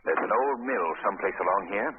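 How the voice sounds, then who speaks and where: Urgent male gentleman sleuth, performed, very low and fast, clipped and resolute, on thin, noisy vintage radio audio. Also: natural voice. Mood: urgent, determined. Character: resolute gentleman crimefighter, urgent, hushed, protective. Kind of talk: 1930s radio drama acting. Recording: tinny, noisy 1930s radio recording.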